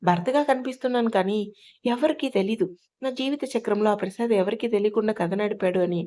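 A woman's voice: medium pitch, a little fast, mellow, lightly acted. A woman reading the part of a middle-aged father who talks sorrowfully and with resignation about his failures.

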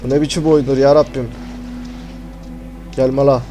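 A man commentating a horror game, panicky and swearing, muttering prayers and often dropping to a hushed voice. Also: mid-range voice, level tone, moderate pace, faint music behind, low-quality recording. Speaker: gamer.

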